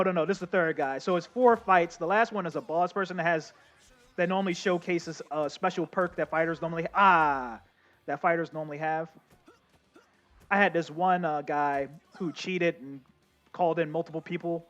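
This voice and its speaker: Chatty excitable male game streamer. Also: on the high side, moderate pace, soft background music. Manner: chatty, excitable, addresses chat as y'all. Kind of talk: casual live gameplay commentary.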